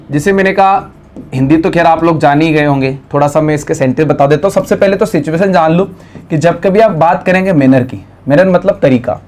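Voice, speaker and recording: Man, Indian accent, English teacher, slightly raised pitch, quick explanations, slow clear example sentences, classroom lesson. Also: a little mellow. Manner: speaks directly to the students and prompts them to translate.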